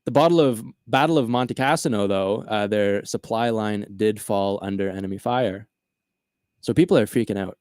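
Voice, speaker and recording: Animated man telling a story, dry sound. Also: fairly low pitch, moderate pace, no room sound. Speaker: podcast host. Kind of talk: casual storytelling chat.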